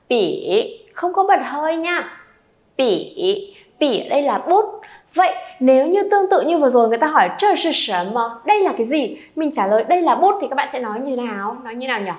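A woman's voice: high voice, expressive, fairly quick. A woman, teaching a beginner Chinese lesson and coaxing students to repeat aloud.

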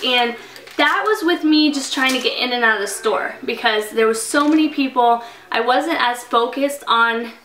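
A young woman vlogger chatting casually and animatedly through a grocery haul in her home kitchen. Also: high-pitched. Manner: chatty and animated, holding up items. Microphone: camera mic from a few feet away. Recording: echoey room, distant mic, noisy.

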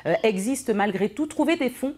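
A woman's voice: a little high, animated, a little fast, a little mellow. Woman news presenter interviewing a guest.

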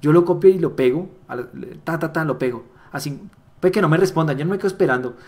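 Brief: male trainer, slightly high voice, animated and persuasive, hammers home key lines. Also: fast. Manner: animated, acts out little dialogues with voice shifts; repeats key phrases for emphasis. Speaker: network marketing trainer. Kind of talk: motivational sales training talk.

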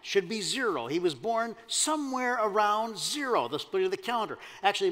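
A man's voice: high voice, fairly bright tone. A man preaching a sermon as pastor, talking conversationally and putting questions to the congregation. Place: church sanctuary. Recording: long hall reverb.

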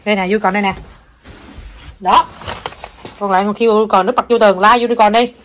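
A woman with a Southern Vietnamese accent chats at home in a medium-pitched voice. She coaxes and scolds gently, the way a mother talks to a small child. A faint hiss sits under her voice. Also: steady tone, quick pace. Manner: coaxing, scolding gently, chatty. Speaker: mother talking to her toddler. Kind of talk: casual home video chat.

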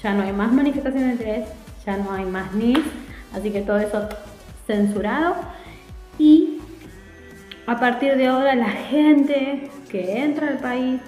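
A lively vlogger in her forties with an Argentine Spanish accent tells stories straight into her webcam, chatting as if with friends and gesturing a lot with her hands. Her voice is slightly high and unhurried. She's indoors in a small home room by a window, where the sound echoes and soft music plays faintly behind her.

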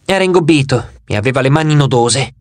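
A man reading an audiobook in expressive scripted narration into a close studio mic. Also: medium pitch, quick pace, no echo.

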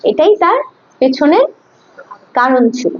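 A woman teaching a devotional Gita course, slowly breaking verses into syllables and repeating them for students. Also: high voice, lively intonation, muffled recording. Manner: slow, patient, repeats syllables for students to follow. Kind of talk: devotional lesson with verse recitation drills.

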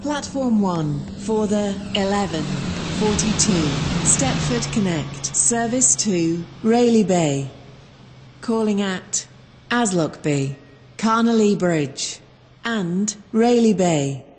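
A woman's voice giving a formal, measured train station platform announcement over a loudspeaker. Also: mid-range voice, animated, noisy background. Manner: measured, formal, evenly spaced phrases. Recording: long hall reverb on loudspeaker.

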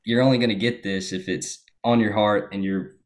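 A man's voice: on the low side, normal speed. A young American man casually telling a story with lots of fillers. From United States. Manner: relaxed storytelling with many fillers. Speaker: guest. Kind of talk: casual chat.

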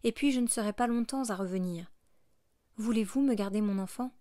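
A woman's voice: medium pitch, brisk, warm tone, no room sound, natural voice. Earnest young mom begging a favor, as a woman reader puts her on, storybook reading, dry sound. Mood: pleading. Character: poor young mother, pleading and hopeful.

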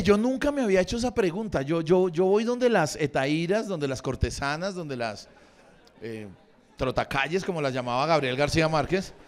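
A stand-up comedian in his forties with a Bogotá Spanish accent does crude, improvised crowd work before a live audience at a comedy venue. His voice is fairly high.

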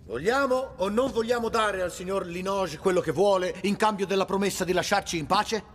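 A man's voice: sits high, fairly quick. A man playing a solemn meeting moderator in a dubbed drama, proclaiming formally like a town crier. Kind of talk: dubbed film drama acting.

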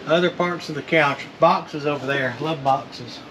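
Inside a metal storage unit, a man in his thirties hosts a vlog, chatting casually to a camera a few feet away and joking and teasing in a folksy manner. His voice is a little high and unhurried, and the recording is noisy and distant from the mic.

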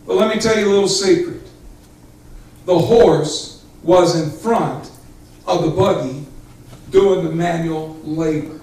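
Slow-paced with long pauses, this middle-aged pastor has a slightly high, slightly mellow voice as he preaches a Pentecostal sermon. He addresses his small congregation directly, fervent and emphatic. The echoey church sanctuary is recorded from far away.

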